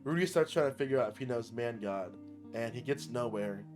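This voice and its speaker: A young man giving an excitable, slangy anime recap, often laughing as he talks. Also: medium pitch, a little fast, faint music behind. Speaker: anime reviewer. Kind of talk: casual recap commentary.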